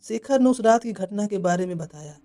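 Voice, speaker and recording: A narrator reading a scripted horror story in an even, measured way. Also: medium pitch. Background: faint music.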